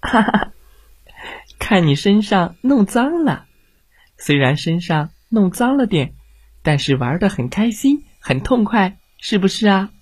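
A mother in a children's storybook, fussing one moment and soothing the next, heard in a high, sing-song voice as a male narrator puts her on. Her lines come slowly and huskily, and the pitch leaps about with lively swoops. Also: husky, no echo, heavily acted. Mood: gentle. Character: adult mother, alternately nagging and tender.

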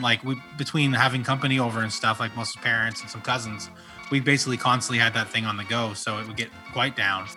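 Bright-voiced joking man in casual chat. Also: mid-range voice. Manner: joking, rambling with many fillers.

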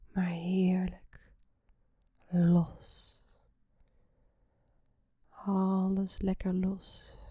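A woman guiding a relaxation meditation in a soft, soothing, breathy half-whisper. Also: mid-range voice, no echo, clean studio sound. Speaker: guided meditation host.

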